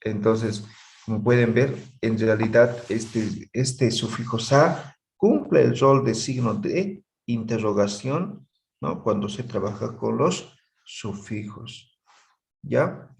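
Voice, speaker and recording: Teaching a language class, this man explains things patiently and keeps checking that his students follow, often with tag questions. His mid-range voice is creaky and darkish, and he takes it slowly. Slight background noise can be heard.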